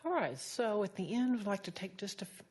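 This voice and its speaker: A woman's voice: mid-range voice, expressive, brisk, a little mellow. A woman teaching meditation, leading an informal group discussion in a hesitant, reflective way and echoing back what participants say.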